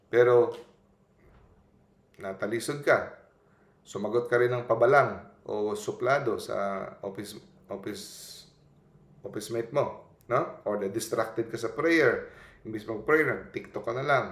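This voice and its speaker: A man delivers a calm spiritual reflection in an easy, conversational way, often pausing to check in with his listeners. His voice has a gravelly texture at a middle pitch. The sound is roomy, with noticeable echo. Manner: gentle, conversational, often adds "no?". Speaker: preacher. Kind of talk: Taglish spiritual talk.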